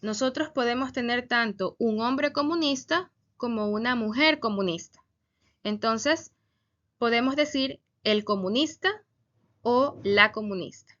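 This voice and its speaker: A woman teaching a Spanish grammar lesson, speaking slowly and deliberately and stressing each example word. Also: fairly high pitch, fairly bright tone, lo-fi sound.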